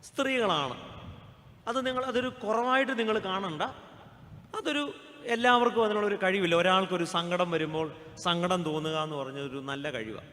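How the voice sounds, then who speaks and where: A man's voice: high voice, normal speed, pushed and bright. A man preaching a sermon as a pastor, joking and asking his congregation questions. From Kerala, India. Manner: humorous, asks the congregation questions. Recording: long church hall reverb.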